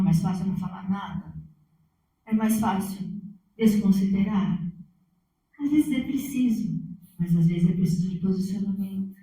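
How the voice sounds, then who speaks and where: A woman's voice: mid-range voice, dark tone, heavy reverb, far from the mic, slight background noise, rough recording. A woman from Brazil preaching, asking rhetorical questions and telling personal stories in a conversational way. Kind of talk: sermon with personal anecdotes. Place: church sanctuary.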